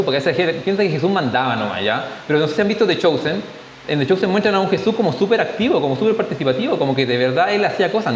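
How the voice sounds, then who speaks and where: Chilean man, Bible study teacher, slightly high voice, echoey hall, faint hiss. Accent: Chilean Spanish. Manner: conversational, often adds tag questions, jokes. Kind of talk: church Bible study talk. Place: church hall.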